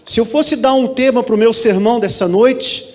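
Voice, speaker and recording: A man's voice: very high-pitched, normal speed, darkish tone. A man preaching a sermon into a handheld microphone, building to fervent prayer. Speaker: pastor. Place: large church hall. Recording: reverberant church hall with faint ambience.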